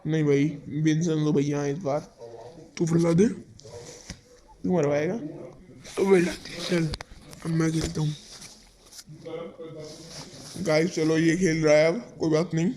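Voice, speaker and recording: A young man giving excitable live commentary over his own game, calling his viewers "guys" again and again. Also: on the high side, moderate pace. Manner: excitable, fills every phrase with "guys". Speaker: gaming YouTuber.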